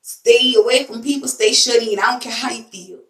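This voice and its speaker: A woman's voice: on the high side, normal speed, a bit bright, echoey room, far from the mic, rough recording. A woman hosting a spiritual tarot channel, talking casually and emphatically to her viewers, repeating phrases and using everyday slang.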